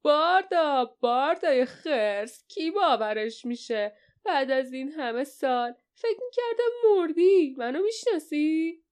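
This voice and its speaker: A woman voicing a small, wiry, boisterous man who teases and calls out loudly in an audiobook. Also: on the high side, expressive, smooth, natural voice. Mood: gleeful. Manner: teasing, loud and gleeful. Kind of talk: audiobook character voice.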